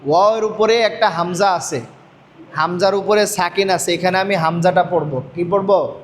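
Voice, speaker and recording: A man's voice: high voice, fairly even intonation, normal speed, a little hiss or hum. A man teaching Quran reading in a call-and-response lesson, with a patient manner, asking questions over and over. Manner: patient, drills by repeating questions.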